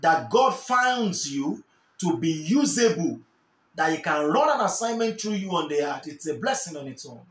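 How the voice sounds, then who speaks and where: A man's voice: on the high side, big pitch swings, moderate pace, a bit bright, roomy sound. A young man with a Nigerian English accent preaching a sermon to camera, fervent and repeating key phrases for emphasis. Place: small indoor room, seated in armchair.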